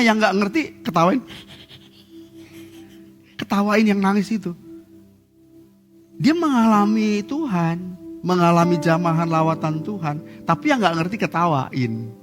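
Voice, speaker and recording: Male pastor, humorous animated preacher, high voice, recorded in a reverberant church hall. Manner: lively preaching with humor and acted-out quotes. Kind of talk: sermon. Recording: church service with hall reverb and faint music.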